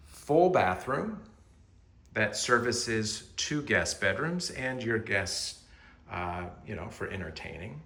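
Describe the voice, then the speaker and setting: A man with a voice on the low side and a fairly bright tone walks indoors through the rooms of a house as a real estate agent. His polished sales talk appreciates each feature, and the rooms sound echoey with faint background noise.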